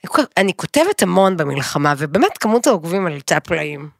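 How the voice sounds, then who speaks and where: A woman's voice: fairly low pitch, sing-song, vocal fry, dry recording, clean studio sound. A woman in her thirties co-hosting a casual podcast chat, dramatic and self-mocking in her complaints. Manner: bursts into loud sung snippets. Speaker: podcast co-host.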